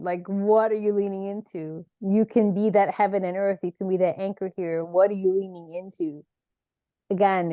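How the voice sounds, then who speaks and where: A woman's voice: lowish voice, a little mellow, dry recording, muffled recording. Earnest woman musing on spirituality. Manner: earnest, rambling, peppered with "like" and "right?". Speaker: actor and author, podcast guest. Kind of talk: reflective spiritual conversation.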